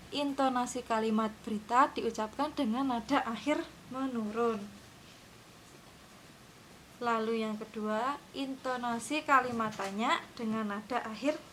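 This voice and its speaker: A woman's voice: fairly high pitch, fairly bright tone, slight background noise, rough recording. A woman teaching a lesson to her class, explaining patiently and often checking that her students are following.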